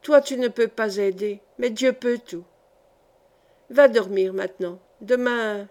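A woman's voice: fairly high pitch, takes it slowly, darkish tone. A woman reading a frightened, irritable old male monk in a storybook. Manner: irritable and fearful.

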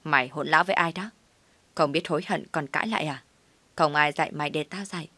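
A woman's voice: quick pace, pushed and bright, no echo, heavily acted. Woman voicing a harsh scolding aunt. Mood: furious. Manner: shrill, accusing, berating. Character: scolding middle-aged aunt, harsh and accusing.

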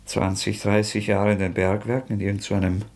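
This radio drama features a male actor as an anguished young murderer, moving between mocking bitterness, fevered outbursts and hushed whispers. His husky, gravelly voice is on the low side, level in tone and fairly quick.

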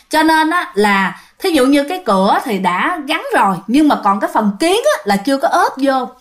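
Woman telling ghost stories, chatty, slightly high voice, phlegm in her throat. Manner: chatty, addresses listeners directly. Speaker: ghost story narrator. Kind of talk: casual storytelling narration.

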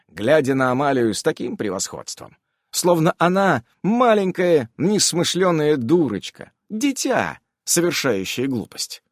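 A man narrating a fantasy audiobook in a wry, animated storytelling manner. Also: medium pitch, no room sound, clean studio sound.

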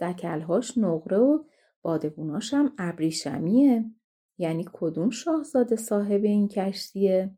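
A woman reading the part of an old king in a storybook tale, slow and emphatic. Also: on the low side, mellow. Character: astonished old king, commanding.

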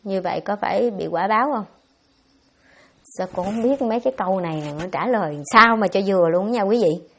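A Buddhist nun giving a dharma talk, answering questions in a blunt, scolding way. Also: female voice, medium pitch, a bit bright, breathy edge. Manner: blunt, scolding, fast-talking.

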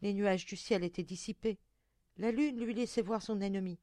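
A woman narrating a folk tale in a measured, expressive reading voice. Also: mid-range voice, no echo, studio quality. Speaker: audiobook reader.

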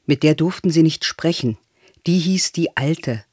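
A man calmly reading a novel aloud as narrator, in a measured way. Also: on the high side, breathy edge, no echo, clean studio sound. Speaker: audiobook reader.

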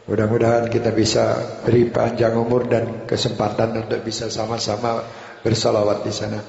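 Gravelly, flat-toned preacher. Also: male voice, mid-range voice. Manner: slow, even storytelling with hesitations. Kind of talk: sermon storytelling. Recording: echoey hall, dull sound.

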